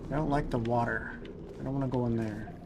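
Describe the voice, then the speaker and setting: A man's voice: mid-range voice, fairly even intonation, quick pace, background noise. A man doing casual live gameplay commentary, playfully thinking aloud to himself. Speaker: game streamer.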